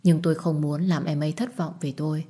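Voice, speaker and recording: A woman calmly narrating a first-person story as an audiobook, husky and reflective. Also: low voice, fairly quick.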